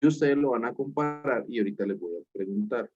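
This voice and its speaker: A man's voice: medium pitch, fast, a little mellow, highs cut off, faint music behind. A man, a university teacher telling an example story to his class in a chatty way over a video call.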